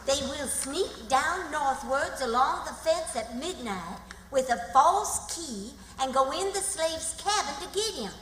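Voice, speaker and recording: Woman acting a high, breathless, excitable Southern aunt. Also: measured pace, few pauses. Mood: dramatic reading. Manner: breathless, dramatic. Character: excitable, bossy, fretful country aunt. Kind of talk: radio theatre acting. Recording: echoey hall, faint noise.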